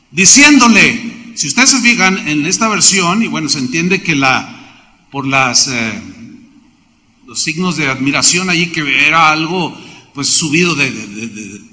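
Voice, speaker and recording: A man preaching from the pulpit in a high, piercing voice. He drives the sermon with lively questions to the congregation, and the sound rings out with a long reverb through the church hall. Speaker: pastor.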